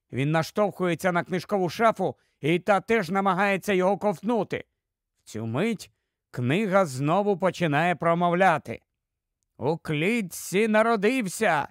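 Male storyteller, high-pitched, dry close recording, dramatic read. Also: no room sound.

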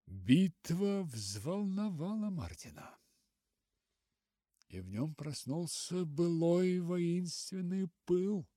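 A man reading a literary novel aloud as an audiobook narrator, measured and dramatic with long pauses. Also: high voice, lively intonation, dark tone, dry recording, clean studio sound.

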